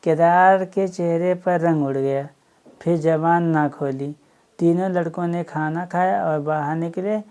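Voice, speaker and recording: A woman's voice: lowish voice, steady tone, measured pace, warm tone. A woman reading a story aloud and explaining it as she goes, adding asides for her listeners.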